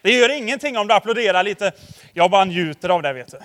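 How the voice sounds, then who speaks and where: High-voiced pastor preaching in a reverberant hall. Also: male voice, expressive, background noise. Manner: chatty, with constant tag questions to the congregation; anecdotal storytelling, addressing the audience directly. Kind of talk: conversational sermon. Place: church hall before a congregation.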